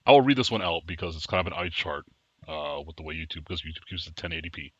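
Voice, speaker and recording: A man co-hosting a casual chat show, chatty and quick to laugh. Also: sits low, no echo. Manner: laughs often, chatty and animated. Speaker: podcast co-host. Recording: dull lo-fi sound.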